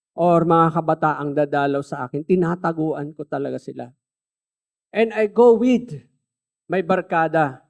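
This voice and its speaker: A man preaching a sermon, earnestly mixing Tagalog and English and slowing down to stress key phrases. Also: a little high. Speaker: pastor. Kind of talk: sermon with personal testimony.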